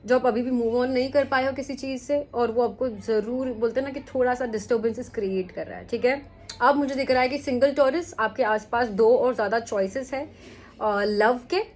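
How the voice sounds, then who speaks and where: A woman's voice: a little high, moderate pace, a little mellow. A young adult woman doing a casual weekly tarot reading, chatty, mixing English into her talk and checking in with the listener often. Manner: chatty, mixes English into Hindi, repeats "ठीक है?". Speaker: tarot reader.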